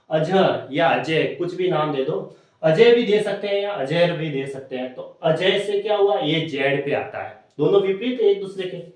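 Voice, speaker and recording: A man's voice: high-pitched, heavy reverb, far from the mic. A man teaching an exam-prep lesson, explaining step by step and repeating key points.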